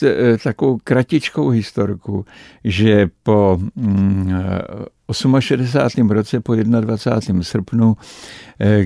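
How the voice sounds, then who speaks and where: An older man tells rambling stories from the stage in a warm, mellow voice that is lower than most. He pauses often to find his words, and the studio sound is dry and close. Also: vocal fry, dry recording. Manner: rambling anecdotal storyteller, frequent hesitations. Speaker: actor and entertainer guest. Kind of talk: radio interview reminiscence.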